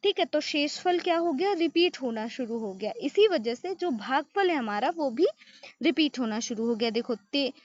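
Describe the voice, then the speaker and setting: High voice lady maths teacher, asks then answers herself, dull dry lo-fi audio. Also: expressive, moderate pace. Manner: asks students questions and answers them herself, repeats "ठीक है" often. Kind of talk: classroom lesson with step-by-step long division.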